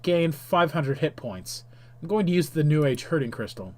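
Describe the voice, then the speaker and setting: A man hosting a game stream reads the on-screen text aloud as he plays. His voice sits a little high, and he drops into casual, chuckling asides between the narration. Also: animated, normal speed. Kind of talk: reading game text aloud while playing.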